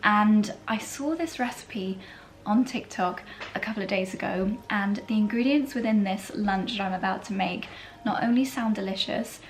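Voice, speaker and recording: Serene, soft-voiced British woman vlogging. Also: mid-range voice, normal speed, slight background noise. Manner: calm, relaxed, serene delivery. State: slight tickle in the throat. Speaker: vlogger, host. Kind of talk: casual cooking vlog narration.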